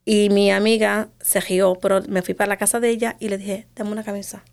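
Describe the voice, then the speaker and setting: A woman telling her own story in an interview, earnest and halting, often restarting her sentences and slipping in English words. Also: mid-range voice, little pitch movement, vocal fry, darkish tone, clean tone. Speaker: guest sharing her story. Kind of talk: personal testimony in conversation.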